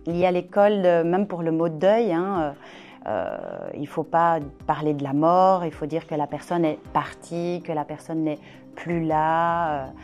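A woman from Belgium speaks in a mellow, fairly low voice, hesitant and careful, filling her pauses with soft fillers. Faint music plays quietly behind her. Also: animated. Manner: hesitant, weighing words with many fillers. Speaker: discussion participant. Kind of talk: casual discussion.

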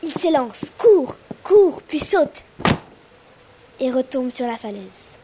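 A woman narrating a children's animal story in a calm, even storytelling voice. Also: sits high, takes it slowly, background noise.

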